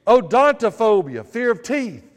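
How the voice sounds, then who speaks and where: A man with a notably high voice preaching a sermon, mixing prayer with light, humorous storytelling. His voice rings out with a long reverb tail, as if filling a large hall. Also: very animated, a little slow. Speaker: pastor.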